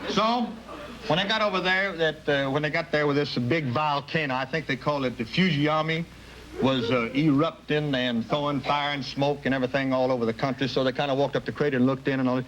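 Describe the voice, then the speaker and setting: A man's voice: fairly high pitch, fairly even intonation, fairly quick, a bit bright, a little hiss or hum, rough recording. A man from Texas, a quiz contestant who tells a folksy, rambling story and loses his thread.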